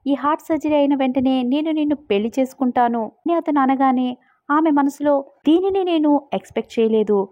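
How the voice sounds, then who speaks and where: A drama recap narrator retells the plot of a romance drama in a storytelling voice, voicing the characters' lines along the way. She speaks fairly quickly in a high, dark-toned voice. The recording is dry and tinny, like a phone, with no echo.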